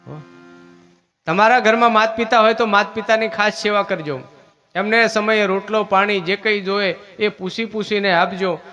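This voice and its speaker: A religious teacher gives a preachy village sermon with devotional singing, teaching and asking his listeners questions. His high, sharp voice keeps a steady tone at a moderate pace, and the sound is lo-fi.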